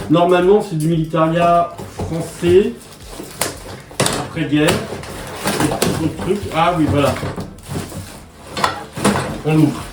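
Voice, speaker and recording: A man chatting casually as he unboxes parcels, slangy and quick to exclaim at each find. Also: a little high. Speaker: collector unboxing militaria. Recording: echoey room, mic at a distance, noisy.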